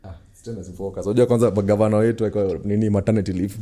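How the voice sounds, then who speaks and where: Kenyan guy hosting a podcast, joking around, warm mellow tone. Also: fairly low pitch, fairly even intonation, racing. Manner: playful, laughing, sing-song intros. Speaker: podcast host. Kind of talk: casual chat mixing Swahili and English.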